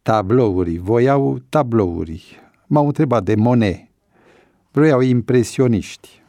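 A man voicing a cheeky male prisoner who answers with dry, mocking calm in an audiobook story. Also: mid-range voice, no room sound, natural voice.

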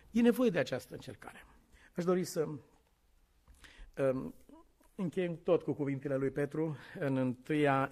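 A man preaching a sermon in a lively, conversational way, acting out biblical dialogue with humorous asides. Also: mid-range voice. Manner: animated storytelling, acting out dialogue. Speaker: pastor.

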